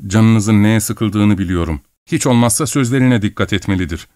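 A man's voice: fairly low pitch, darkish tone, no echo, clean studio sound, lightly acted. A man doing a fussy older man in a fur coat. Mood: fussy pleading. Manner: pleading, fussy, drawn-out. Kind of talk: audiobook reading.

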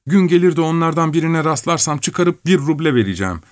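A man voicing a volatile, spoiled young male traveling companion in an audiobook reading, speaking higher than his own voice in petulant, raised outbursts. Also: lively intonation, fairly quick, dry recording, clean studio sound, close to an everyday voice. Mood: boastful.

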